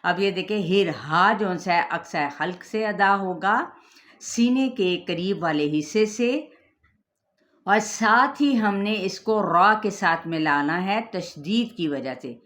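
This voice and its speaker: A woman teaching a Quran recitation lesson, explaining patiently and slowly demonstrating each sound. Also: medium pitch, fairly bright tone. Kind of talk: tajweed lesson.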